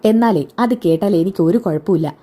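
A domineering elder woman who scolds and commands in harsh bursts, as a woman puts her on in a storybook retelling. Her tone stays mellow and soft underneath, at a middling pitch. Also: brisk, lightly acted. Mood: angry. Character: older woman, domineering angry elder sister-in-law.

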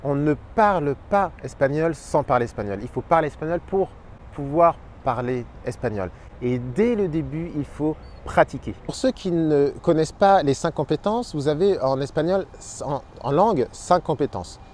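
Outdoors next to a park pond, this Spanish teacher and channel host in his thirties gives lively, expressive tips to camera through a lapel mic. His voice sits on the high side at a moderate pace, and there's slight hiss or hum.

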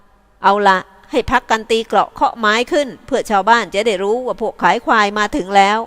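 A woman's voice: medium pitch, normal speed, fairly bright tone, long reverb tail, natural voice. A woman voicing a firm adult male cattle-drover boss who speaks in a stern, commanding, slightly raised voice.

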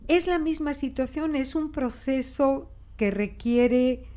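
With a high voice and a slow delivery, an older Spanish-born linguist appears as a guest in a conversational interview, her accent from Spain softened by Mexican Spanish. She speaks expressively and reflectively, restarting often and gesturing. The recording comes from a desk microphone in a small indoor studio office.

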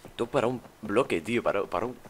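A man's voice: fairly low pitch, fast, a little hiss or hum. A young man from Spain commenting on a game he is playing, chatty and exclaiming, muttering while he searches. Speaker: gaming YouTuber. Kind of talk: let's play commentary.

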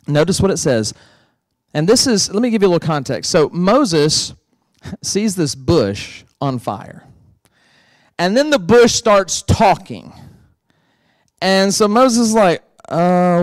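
A man's voice: sits high, very animated, slow pace, long pauses, dry recording, studio quality. A male pastor preaching a sermon in a playful, conversational way.

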